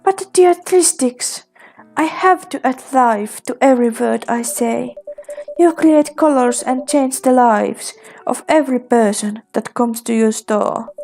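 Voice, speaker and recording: A woman voicing a flamboyant, theatrical man who speaks grandly and flatters others in a game. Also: on the high side.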